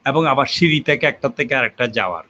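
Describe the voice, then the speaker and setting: A man's voice: medium pitch, expressive, fast talker, pushed and bright, slight background noise. An older man, a linguistics professor, patiently explaining with examples and frequent fillers in an interview. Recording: muffled lo-fi recording.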